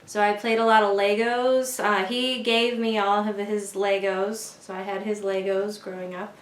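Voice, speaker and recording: A woman in her thirties chatting casually as a guest, with a dry, low-key manner. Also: level tone, a little slow, slight background noise. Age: 30s. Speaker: guest, host's wife. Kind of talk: casual chat. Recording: distant mic, echoey room.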